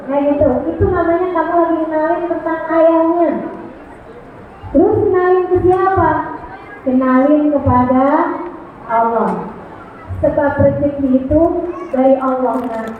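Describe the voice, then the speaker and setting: A woman's voice: very high voice, fairly even intonation, normal speed, a little hiss or hum. A woman preacher giving a religious talk to mothers in a hall, with a sing-song lilt, Arabic recitations and questions put to the audience. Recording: tinny echoey hall recording.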